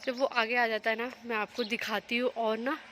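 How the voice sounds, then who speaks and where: Bright-voiced chatty young mother vlogging. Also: on the high side, little pitch movement, normal speed, a little hiss or hum. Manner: chatty, rambling, talks while minding her children. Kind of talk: casual home vlog chat to camera. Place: at home.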